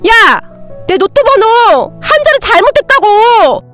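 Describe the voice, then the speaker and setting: A woman voicing an angry, greedy young man, an ex-boyfriend who shouts and accuses, drunk, in a storybook narration. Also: very high voice, sing-song, normal speed, faint music behind, pitched above the performer's own voice, full character voice.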